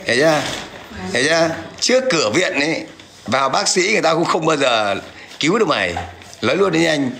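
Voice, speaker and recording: A man's voice: on the high side, expressive, quick pace, bright, forceful tone. A man ranting aggressively on a livestream, taunting and coarse as he addresses viewers and an absent rival. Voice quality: gravelly. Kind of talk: livestream rant.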